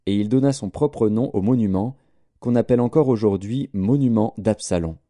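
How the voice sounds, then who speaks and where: A man reading scripture aloud in a measured, solemn way. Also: fairly low pitch, warm tone, dry recording, clean studio sound. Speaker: scripture reader.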